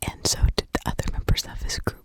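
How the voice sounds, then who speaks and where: Whispering breathily for an ASMR audience, a woman narrates a true crime tale. Her phrases come out short and halting, with pauses between them.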